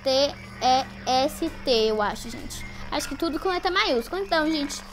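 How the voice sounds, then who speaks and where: A woman's voice: high voice, lively intonation, moderate pace, soft background music. A woman giving live gameplay commentary as a YouTuber, jumpy and easily frightened, shrieking at scares and constantly talking to her viewers. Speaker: gaming YouTuber.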